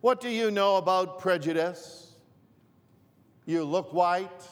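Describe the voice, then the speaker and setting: Slow, deliberate male preacher in a hall. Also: sits high. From northern Greece. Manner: repeats and restarts phrases, slow and deliberate. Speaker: pastor. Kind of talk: sermon.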